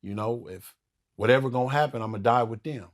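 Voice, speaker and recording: A man's voice: medium pitch, brisk, crowd noise. A man guest in an interview, recalling his past hesitantly with many fillers. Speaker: podcast guest, former prisoner. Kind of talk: interview storytelling.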